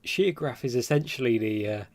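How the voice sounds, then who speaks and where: A man's voice: medium pitch, normal speed, a little mellow, dry recording. A man streaming a game, giving laid-back, joking gameplay commentary.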